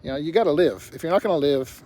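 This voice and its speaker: A man's voice: fairly high pitch, fast talker, dark tone. An older man talking bluntly to camera in a rambling casual monologue, peppered with "you know". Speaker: vlogger. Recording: faint outdoor traffic noise.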